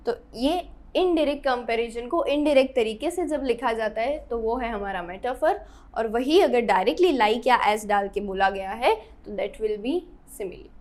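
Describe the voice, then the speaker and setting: A young woman teaching an English grammar lesson, explaining step by step and checking in with her students often. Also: high voice.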